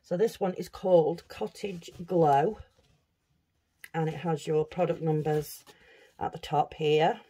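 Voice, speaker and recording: A craft vlogger chats casually while unboxing, thinking aloud as she handles items. Her voice sits low, warm and slightly breathy.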